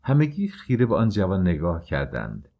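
A man narrating a classic novel as an audiobook, reading in a measured, even way. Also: deep voice, breathy edge, dull audio.

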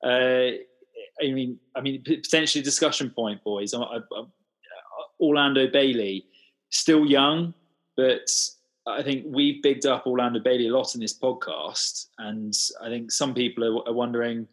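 A man co-hosting a podcast, rambling in a halting way with lots of fillers. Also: medium pitch, fairly even intonation, poor audio. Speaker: podcast co-host. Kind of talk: casual sports chat.

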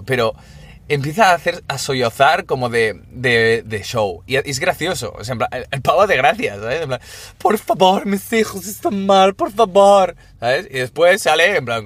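A man's voice: mid-range voice, a bit bright. A young man, chatting casually and rambling on his show, dropping slang throughout. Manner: rambling, slangy, says "tío" constantly. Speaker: podcast co-host. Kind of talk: casual chat.

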